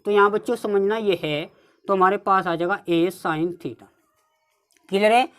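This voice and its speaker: A woman with a North Indian accent teaching a maths lesson step by step, often addressing her students as children. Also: mid-range voice. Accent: Hindi-speaking North Indian. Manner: keeps addressing the class as "children", repeats steps slowly.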